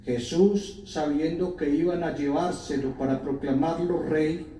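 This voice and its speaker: A man, a priest, solemnly reading scripture in a measured, deliberate way, his voice carrying a cathedral echo. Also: fairly high pitch, warm tone, slight background noise. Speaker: priest reading the Gospel at Mass. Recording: echoey church, cathedral-like echo, distant mic.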